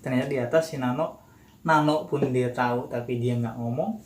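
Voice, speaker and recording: A young man with a Jakarta accent telling a horror story in casual chat, animated, acting out the quotes. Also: medium pitch, moderate pace. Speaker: guest storyteller. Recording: roomy echo, faint noise.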